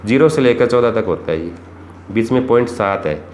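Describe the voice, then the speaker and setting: A man's voice: mid-range voice, lively intonation, brisk, darkish tone. A man teaching chemistry for exams, asking rhetorical questions and repeating the key points. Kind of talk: exam-prep lesson. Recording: echoey room with faint background noise.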